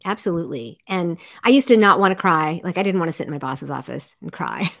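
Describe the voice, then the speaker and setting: A middle-aged woman speaking earnestly as a podcast guest, acting out quotes in a lively way. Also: fairly quick, gravelly, no echo, clean studio sound. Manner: earnest, animated, acts out quotes with big pitch jumps. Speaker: podcast guest, life coach. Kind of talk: casual interview chat.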